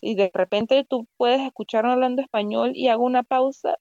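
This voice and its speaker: A woman from Venezuela with a Venezuelan accent, chatting casually as a guest and telling stories with lively asides. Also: fairly high pitch, normal speed, dry recording, muffled recording. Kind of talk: casual conversation.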